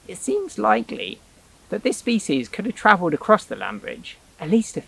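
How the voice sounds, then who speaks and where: A man's voice: medium pitch, gravelly, low-quality recording. A man presenting a rewilding explainer in scripted narration, with dry, wry asides.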